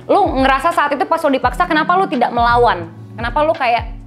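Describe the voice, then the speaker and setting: A woman's voice: high voice, lively intonation, fast talker, fairly bright tone. A woman co-hosting a casual podcast chat, asking blunt, probing questions with a teasing edge. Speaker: podcast co-host. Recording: faint background music.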